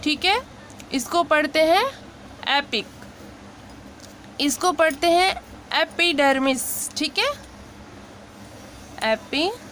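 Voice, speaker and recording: A woman teaching English pronunciation in a patient lesson. She repeats each word slowly and checks in often. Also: extremely high pitch, animated, fairly bright tone, slight background noise. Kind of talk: slow explanatory lesson.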